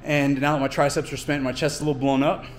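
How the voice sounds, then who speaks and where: A man's voice: fairly high pitch, little pitch movement, fast talker, slight background noise. A man, a fitness coach, talking casually through his workout and catching his breath as he explains his training. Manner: explains training plainly between efforts, with fillers. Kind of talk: casual workout vlog talk. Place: home gym and outdoors in winter.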